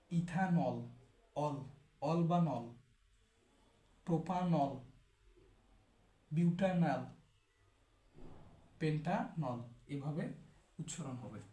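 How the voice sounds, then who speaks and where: A man teaching chemistry in a steady, explanatory way, repeating each term as he goes. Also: fairly high pitch. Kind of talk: classroom lecture. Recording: echoey room.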